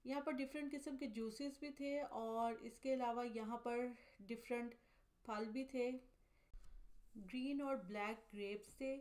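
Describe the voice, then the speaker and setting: A woman from Pakistan, speaking, gives steady, matter-of-fact voice-over narration as a vlogger and mother, listing items and prices one by one. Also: fairly high pitch, unhurried. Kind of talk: scripted voice-over narration of a store tour.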